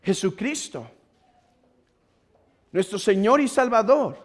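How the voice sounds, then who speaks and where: A pastor with a Mexican Spanish accent preaching a sermon, earnest and exhorting, rising to loud urging and dropping to quiet pleading. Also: male voice, sits high, very animated, slow. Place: church hall. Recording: long church reverb.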